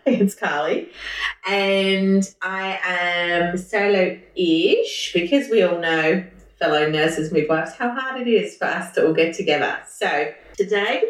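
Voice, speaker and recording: A woman's voice: medium pitch, echoey room, recorded from a distance. A woman hosting a casual podcast, chatting easily and laughing often. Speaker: podcast host. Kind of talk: casual chat.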